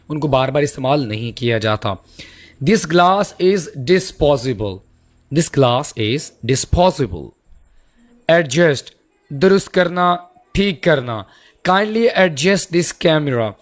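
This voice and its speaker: Man drilling English words slowly. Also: on the high side. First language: Urdu. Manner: repeats each English word slowly, then explains it quickly. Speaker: English teacher. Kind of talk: vocabulary lesson, Urdu explanations.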